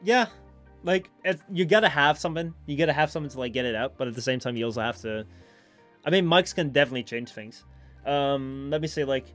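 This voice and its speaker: A man's voice: mid-range voice, lively intonation, fast talker, fairly bright tone, faint music behind. A man live streaming in a casual, rambling, informal chat with his viewers.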